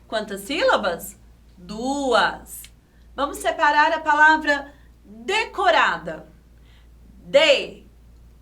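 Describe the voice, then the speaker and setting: A woman teacher with a Brazilian Portuguese accent, giving a video lesson to children, sounding out syllables slowly and clearly and asking coaxing questions. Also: high voice, sing-song, sharp tone. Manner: slow, over-enunciated syllables, coaxing questions.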